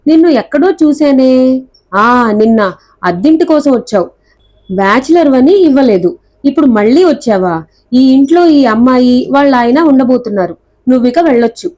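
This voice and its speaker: A woman voicing a gruff, blustering older landlord who scolds a tenant in a storybook reading. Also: high-pitched, lively intonation, normal speed, mellow, highs cut off.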